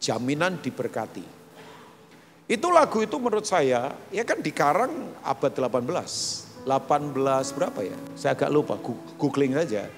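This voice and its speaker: A middle-aged man preaching in a large church hall, his voice ringing with a long reverb. He talks in a lively, joking way, chatting with the congregation. Soft keyboard and guitar music plays behind him. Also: fairly high pitch, normal speed. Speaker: pastor. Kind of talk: live church sermon.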